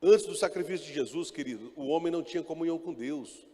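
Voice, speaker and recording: A pastor preaching a sermon in church, calling out to the congregation and mixing in joking asides. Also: male voice, a little high, quick pace, dark tone. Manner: calls out to the congregation, often asking "amen?". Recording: echoey church hall reverb.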